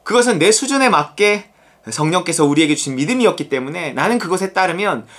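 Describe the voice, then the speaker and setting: Male Bible teacher, sermon delivery, expressive pitch, slips into character voices. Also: fast talker. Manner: acts out characters' voices, exclaims and addresses listeners directly. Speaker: Bible study lecturer. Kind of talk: sermon-style Bible lecture.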